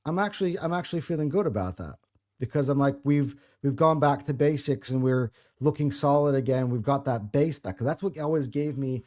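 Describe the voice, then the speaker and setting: A man's voice: mid-range voice, fairly quick, darkish tone. A man hosting a football podcast, talking with passion and rambling through restarts. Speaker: podcast host. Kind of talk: casual football podcast chat.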